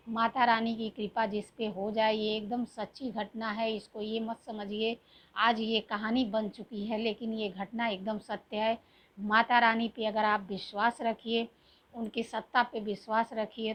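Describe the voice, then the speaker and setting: A woman's voice: a little high, little pitch movement, measured pace, fairly bright tone, poor audio. A middle-aged woman retells a devotional story at an everyday pace. She talks plainly and conversationally, with frequent fillers, as a channel host speaking to her viewers. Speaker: YouTube astrologer and storyteller.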